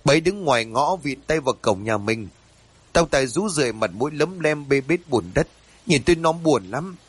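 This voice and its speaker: A frightened village chief, voiced by a male narrator stammers and hesitates, his husky voice swinging in pitch. He sounds shaken but insistent, as in a storybook reading. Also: expressive, normal speed.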